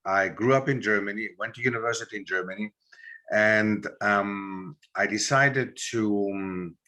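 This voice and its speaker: A man's voice: lowish voice, measured pace, sharp tone. A man of Greek origin, a historian and author, a guest in an interview who tells his story animatedly and acts out quoted dialogue. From Greece.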